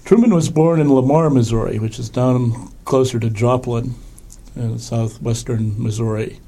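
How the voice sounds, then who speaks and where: Casting: male curator guest, dark mellow gravelly voice roughened by a cold, dry and casual. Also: mid-range voice, fairly even intonation, moderate pace. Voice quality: gravelly, throaty. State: throat trouble from a cold. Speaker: museum curator, interview guest. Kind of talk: casual podcast interview.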